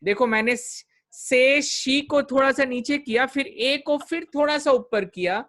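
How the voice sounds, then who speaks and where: A man teaching vocabulary in an online class, drilling pronunciation by repeating words slowly. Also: very high-pitched, a bit bright. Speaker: communication coach.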